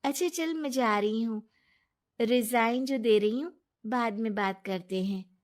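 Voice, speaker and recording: A kind, trusting young woman from a storybook tale, as a woman narrator puts her on. She speaks slowly in a fairly high voice. She is lively and soothing with a friend. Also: lightly acted. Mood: friendly.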